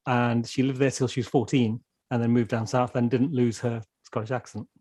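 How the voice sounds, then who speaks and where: A man co-hosting a casual podcast chat, playful and quick to laugh as he asks the guest questions. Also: medium pitch, little pitch movement, a little mellow. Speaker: podcast co-host.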